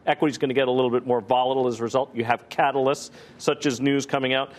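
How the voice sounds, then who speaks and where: Blunt, fast-talking man trader. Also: medium pitch, level tone. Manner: blunt and opinionated. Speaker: trader panelist. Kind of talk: opinionated market commentary.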